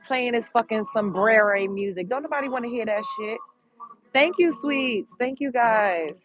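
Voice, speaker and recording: A fairly high-pitched voice at a moderate pace comes through a muffled recording. It belongs to a congested woman from Brooklyn, New York, who bluntly and profanely chats with her live stream while reading viewer comments outdoors on a street.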